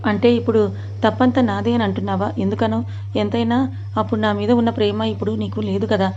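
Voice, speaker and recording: A moody pregnant young wife who is quick to take offense, as a woman storyteller puts her on. She speaks in a reproachful, clinging way with a mellow, fairly flat voice. The audio sounds dull and lo-fi. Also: medium pitch, natural voice. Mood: tearful.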